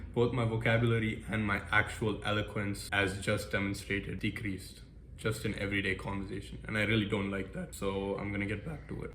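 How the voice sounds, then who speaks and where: A man's voice: on the low side, a bit bright. Young man vlogging in an echoey room. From United States. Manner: upbeat, self-deprecating, lists goals briskly. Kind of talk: casual goal-setting vlog. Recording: echoey room with faint background noise.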